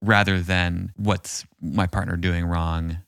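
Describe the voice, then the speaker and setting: A man's voice: deep voice, level tone, slow, vocal fry, fairly bright tone, no room sound, clean studio sound. A man co-hosting a podcast, talking through relationship advice in a thoughtful, musing, encouraging way. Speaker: podcast co-host. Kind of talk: casual relationship chat.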